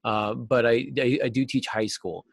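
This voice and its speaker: Gravelly and steady, his medium-pitched voice moves at a moderate pace with no room sound. He's a middle-aged man from the United States, a novelist and teacher giving a casual, thoughtful interview over a video call from a small, cluttered indoor office.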